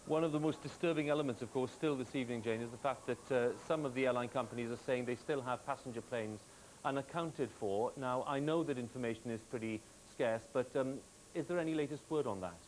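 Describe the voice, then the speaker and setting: A man's voice: mid-range voice, fairly quick, a little mellow, poor audio. Male British news anchor, formal live hand-offs, worn tape copy with faint hiss. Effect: worn VHS tape copy with hiss. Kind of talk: live studio news presenting. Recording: hissy worn videotape copy.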